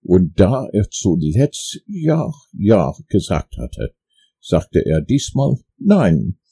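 Storybook narrator, male, deep and dark-toned, gravelly, unhurried. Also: very animated. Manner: slow, gentle, drawn-out delivery. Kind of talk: storybook reading.

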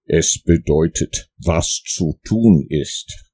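Fussy, lecturing storybook owl, long-winded and pompous, in a man's slow, husky, gravelly voice. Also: extremely low pitch, dark tone, exaggerated voice.

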